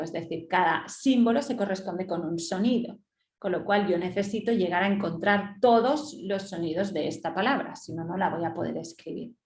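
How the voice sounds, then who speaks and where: A woman's voice: on the low side, a little mellow, a little hiss or hum. Woman teaching a webinar, echoey room. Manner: explains step by step, checks in with rhetorical "¿sí?". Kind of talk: instructive webinar lecture. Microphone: webinar computer mic.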